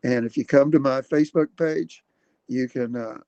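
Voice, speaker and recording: A man in his seventies hosting a casual livestream from his computer at home, rambling and halting with many fillers. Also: medium pitch, dark tone, clean tone, dry recording, highs cut off. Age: 70s. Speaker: livestream host. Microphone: computer webcam mic.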